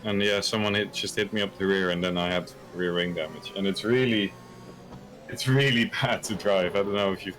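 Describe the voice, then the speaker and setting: Low-voiced understated man, casual interview. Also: fairly even intonation, a little fast, a bit bright, poor audio. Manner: understated, matter-of-fact. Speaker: racing driver being interviewed. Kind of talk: casual post-incident interview.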